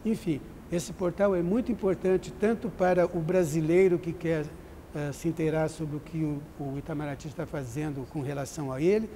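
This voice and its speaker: A man with a Brazilian accent, speaking as a diplomat guest in a formal interview, measured and pausing with "eh" fillers. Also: high-pitched, dark tone, long reverb tail, a little hiss or hum. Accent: Brazilian Portuguese.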